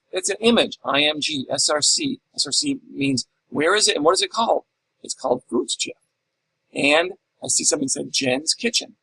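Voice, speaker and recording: A man's voice: fairly high pitch, creaky, pushed and bright, slightly rough, rough recording. A middle-aged man teaching a class in a recorded lecture, explaining step by step and asking and answering his own questions. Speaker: instructor.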